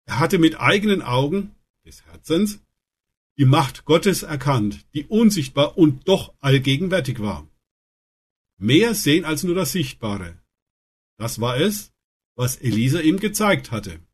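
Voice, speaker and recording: Husky-voiced man retelling Bible stories. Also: a little high, unhurried. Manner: calm, earnest retelling with dramatic quoted lines. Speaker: Bible storyteller. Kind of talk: scripted Bible story narration.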